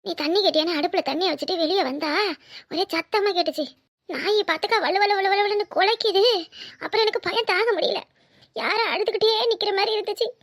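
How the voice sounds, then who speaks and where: A woman's voice: very high voice, brisk, a bit bright. A woman voicing a gossipy, easily frightened village neighbour in a cartoon, who chatters and shrieks. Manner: chattering rural speech, shrieking when scared. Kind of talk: cartoon voice acting.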